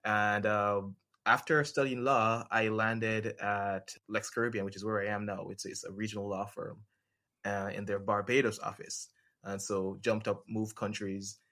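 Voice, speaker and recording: A man from Jamaica, a lawyer and podcast guest, talking in a relaxed way with plenty of fillers. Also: fairly low pitch, normal speed. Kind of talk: casual interview talk.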